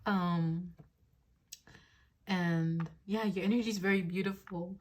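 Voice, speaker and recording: A woman's voice: lowish voice, steady tone, slow pace. A young woman doing a casual tarot reading into a phone on her desk, rambling with many fillers and frequent giggles. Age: young adult. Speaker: tarot reader. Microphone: phone on a desk mount.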